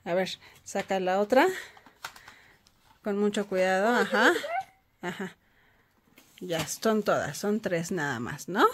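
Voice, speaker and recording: A woman's voice: mid-range voice, takes it slowly, pauses often, slight background noise. A woman, hosting a casual family vlog at home as a mother, patiently walking her children through each step. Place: home bedroom.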